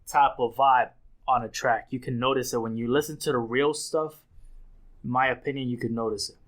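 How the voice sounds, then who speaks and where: A man's voice: mid-range voice, fairly bright tone. A man giving a casual spoken music review, talking in a conversational, opinionated way and restarting phrases as he thinks aloud.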